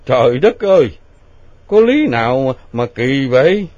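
A man's voice: medium pitch, very animated, a little slow, a little mellow, no echo. A man voicing a stern middle-aged district chief father with firm moral views. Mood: incredulous. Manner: stern, then incredulous. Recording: dull lo-fi recording.

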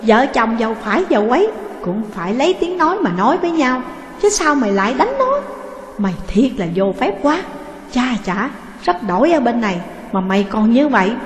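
An angry old father scolds at full voice and barks orders, as a woman puts him on. The loud lines ring through a roomy space with a long reverb. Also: a little high, very animated, brisk. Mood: scolding. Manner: shouting, scolding. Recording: echoey room with long reverb.

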